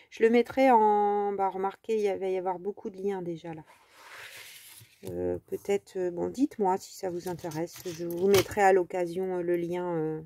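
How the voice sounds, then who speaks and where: A woman's voice: lowish voice, warm tone, no room sound. A French woman hosting a casual crafting tutorial, talking in a chatty, rambling way with many fillers.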